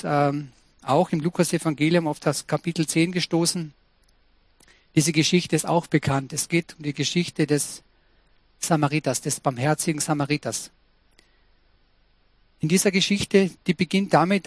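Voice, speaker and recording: A man's voice: fairly high pitch, dry recording. Earnest man preaching a sermon. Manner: earnest, personal, speaks directly to listeners. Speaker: pastor.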